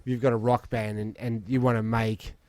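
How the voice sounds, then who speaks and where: A man's voice: medium pitch, flat delivery, moderate pace, a little mellow. A man co-hosting a casual podcast, joking with friends and reading old ads aloud. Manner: reads ads in an old-timey announcer voice. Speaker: podcast co-host. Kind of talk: casual banter.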